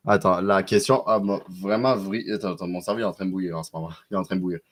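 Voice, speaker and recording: Speaking in Québécois French with a low-pitched, steady tone, a man responds to viewers during a casual live stream. His talk is slangy and relaxed, full of quick restarts.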